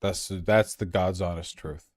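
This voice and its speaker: Very drunk, rambling man, low dry voice. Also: fairly even intonation, unhurried, a little mellow, dry recording. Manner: very drunk, rambling, losing his thread; repeats and stumbles over words. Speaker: livestreamer. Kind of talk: rambling casual livestream monologue.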